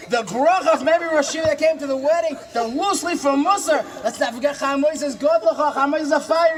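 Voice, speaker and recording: Man acting as rabbi, very high voice, warm questioning manner, impassioned, dramatic storyteller, comic sermon impression. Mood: fervent praise.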